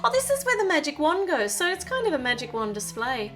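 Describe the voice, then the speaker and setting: A woman presents a toy build in a chatty, playful, gushing way, speaking straight to young viewers in a build-along for children. Her voice is high-pitched, very animated, fairly quick and a bit bright, with soft music in the background.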